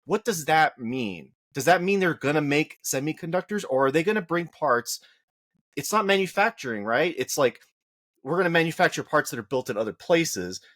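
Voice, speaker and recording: Here a podcast co-host discusses politics casually at a moderate pace, his slightly whiny voice climbing into high rhetorical questions when he argues. He's animated, and the sound is clean studio audio with no echo.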